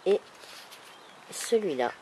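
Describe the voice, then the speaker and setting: A woman with a thick, swollen-tonsils sore-throat voice, speaking softly and casually as she presents a craft project. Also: takes it slowly. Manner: soft-spoken, holding back volume. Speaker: craft video maker presenting an album. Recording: clearly noisy background ambience.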